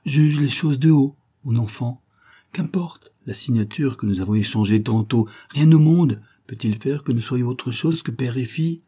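Man playing an old father, dark, husky, earnest. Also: mid-range voice, natural voice. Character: elderly man, gentle and anxious father.

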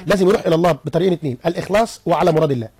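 A man with an Egyptian accent, a guest psychologist on a radio interview, explaining in an animated way with stories and rhetorical questions. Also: on the high side, racing, slightly rough, no room sound.

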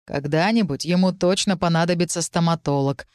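A woman's voice: lowish voice, brisk, a little mellow, clean tone, no echo, studio quality, close to an everyday voice. A woman doing a purring, smug male dragon. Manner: purring, self-satisfied.

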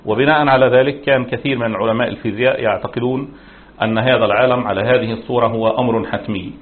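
A man's voice: mid-range voice, steady tone, fast talker. A man teaching as a religious scholar in formal standard Arabic, lecturing in a didactic, explanatory manner. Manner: didactic, explanatory, with rhetorical questions. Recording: muffled, narrow phone-like sound.

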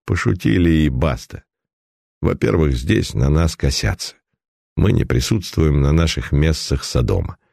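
A cautious, nervous army officer pleading with his friends, as a man reads him in an audiobook. The voice is deep and dark, recorded dry and close. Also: expressive, unhurried, creaky, dry recording, heavily acted. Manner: nervous and insistent. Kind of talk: audiobook role reading.

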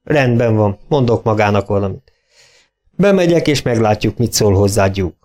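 A composed, unhurried country vet who keeps his voice level and plain, as a male narrator reads him. He speaks firmly and without fuss. It is a storybook character in an audiobook. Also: on the low side, natural voice. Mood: calm. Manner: calm, level, matter-of-fact. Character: calm, unhurried country vet, grown man. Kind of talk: audiobook reading.

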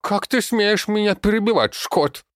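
A man voicing a cruel male goblin master with a high, screechy voice and mocking, broken speech, in an audiobook. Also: lively intonation, a little slow, no room sound, studio quality. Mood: angry. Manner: mocking, broken grammar, yelling.

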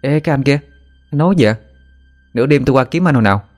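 A man's voice: mid-range voice, lively intonation, rapid-fire, darkish tone, voice pushed up, close to an everyday voice. A man voicing an irritated young village woman who scolds sharply. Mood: indignant. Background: faint background music.

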